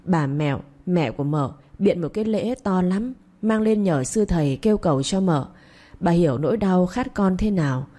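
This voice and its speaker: A woman narrating a romance story in a steady, emotive reading style. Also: fairly low pitch, normal speed.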